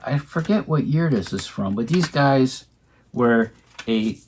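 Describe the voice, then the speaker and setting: A man's voice: medium pitch, expressive, a little slow, darkish tone, slight background noise. Man rambling about records at home. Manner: rambling, many ums and restarts. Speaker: co-host showing his record purchases. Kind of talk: casual chat.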